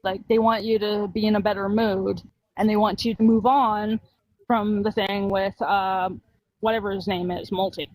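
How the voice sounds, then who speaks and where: A woman's voice: mid-range voice, flat delivery, normal speed, no room sound, rough recording. A woman in a casual voice chat, pressing someone with long, rambling, confrontational questions.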